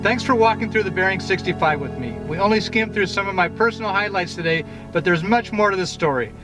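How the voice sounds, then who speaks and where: Far from the mic, a high-pitched, fast-talking middle-aged man presents an enthusiastic, scripted tour of a yacht, describing each cabin and the open deck in turn and growing louder on deck. Echo fills the recording, and music plays beneath his slightly off-mic voice.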